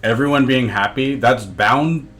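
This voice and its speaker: A young man co-hosting a casual podcast, talking in a relaxed, hesitant way with many ums. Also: mid-range voice, a little slow. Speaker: podcast co-host. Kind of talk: casual chat.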